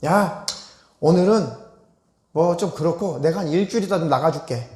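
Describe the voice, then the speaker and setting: Brief: sneering mocking demon, as a male preacher puts it on, high and pushy, echoey church sound. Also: moderate pace, warm tone, lightly acted. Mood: taunting. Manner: sneering, taunting. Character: taunting mocking demon, later begging.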